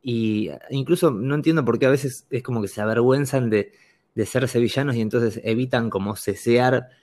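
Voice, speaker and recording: A man telling anecdotes in a casual chat, animated and laughing often. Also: mid-range voice, moderate pace.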